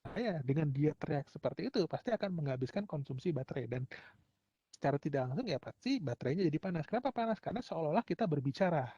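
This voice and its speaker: A man's voice: on the high side, expressive, fast talker, slightly rough, no echo, dull audio. A male university lecturer from Indonesia, giving a casual, joking lecture and acting out examples. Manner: chatty, joking, acts out phone and tower shouting.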